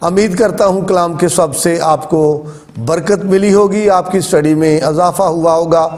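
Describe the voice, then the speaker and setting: Male Bible teacher, high voice, measured lecture delivery. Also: fairly even intonation, a little mellow. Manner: slow, deliberate explanation of word pronunciations. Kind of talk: religious word-study lecture.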